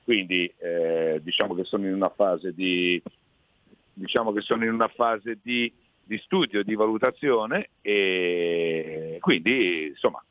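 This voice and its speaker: A man from Savona speaks over a thin, phone-like line with a dry, close sound. His voice sits fairly low. He answers as a guest in a live radio interview, measured and halting, pausing often to find his words. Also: no echo. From Savona, Liguria. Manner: measured and halting, with frequent hesitations. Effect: heard over a phone line. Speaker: newly elected regional councillor, phone guest.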